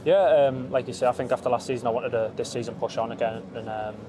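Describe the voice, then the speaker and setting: A man's voice: mid-range voice, steady tone, quick pace, background noise. A young man in his twenties giving a post-match interview as a footballer, hesitant with many ums and restarts, recorded outdoors in empty stadium stands on a handheld phone. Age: 20s. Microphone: handheld phone held up close.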